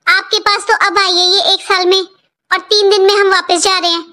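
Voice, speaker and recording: A woman's voice: very high-pitched, little pitch movement, normal speed, pushed and bright. A woman playing a reproachful mother. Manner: firm, reproachful. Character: hurt mother defending her daughter. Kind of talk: family drama acting.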